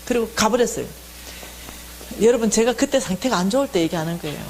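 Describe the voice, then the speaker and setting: A woman's voice: medium pitch, fast, a little hiss or hum. A woman in her forties giving a church lecture, telling a family story and acting out every line of dialogue. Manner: animated, acts out dialogue.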